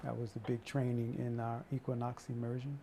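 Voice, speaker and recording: A man leading a qigong energy meditation and prayer as an instructor, with an unhurried, encouraging, spiritual way of talking. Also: mid-range voice, level tone, dark tone, a little hiss or hum.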